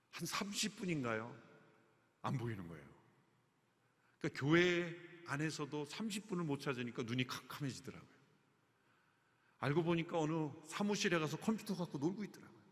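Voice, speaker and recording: Male pastor preaching with animated delivery, somewhat high voice, long reverb from a church hall. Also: normal speed, long pauses. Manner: animated, acts out quoted lines. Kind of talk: sermon. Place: church sanctuary.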